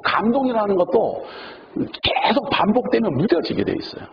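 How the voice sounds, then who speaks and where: Male pastor, sermon, gravelly voice, high pitch, lo-fi noisy recording. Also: normal speed. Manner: animated, acts out quoted speech.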